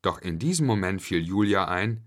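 A man telling a home-made children's story, reading it slowly and expressively. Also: low-pitched. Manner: slow, expressive.

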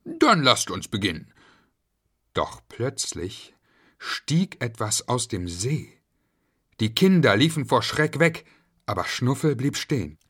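A man reads a children's story aloud, slow and unhurried. His voice moves with a lively rise and fall, with a mid-range pitch. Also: breathy edge. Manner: slow, expressive reading. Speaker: narrator.

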